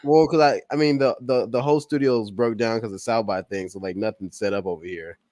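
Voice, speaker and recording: A man's voice: on the low side, a little fast, warm tone, no room sound. A man who runs the podcast studio, talking in a laid-back, slightly defensive way and chuckling often. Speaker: podcast host handling the studio. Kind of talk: casual podcast banter.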